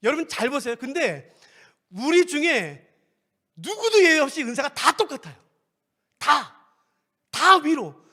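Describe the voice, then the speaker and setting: A middle-aged male pastor preaching a sermon in an animated, playful way, acting out little scenes. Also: very high-pitched, a little slow, long pauses. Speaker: guest pastor. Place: church sanctuary.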